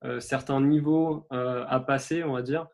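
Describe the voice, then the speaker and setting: A man's voice: medium pitch, steady tone, a little slow, vocal fry, a little mellow. A man interviewing a guest, asking long, hesitant questions with restarts and fillers. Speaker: interviewer, host.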